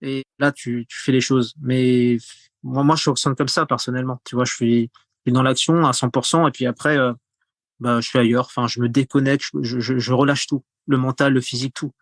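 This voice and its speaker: A man's voice: medium pitch, steady tone, fairly quick, no room sound. Chatty man, dry close sound. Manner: rambling, repeats words, frequent fillers. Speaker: podcast guest, content creator. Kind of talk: casual conversational interview.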